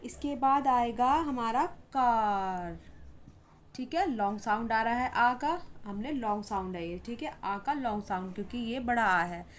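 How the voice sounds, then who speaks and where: A woman's voice: a little high, normal speed, few pauses, a little hiss or hum. A woman giving an English pronunciation lesson in Hindi, patiently repeating example words and saying "ठीक है" often. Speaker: English teacher.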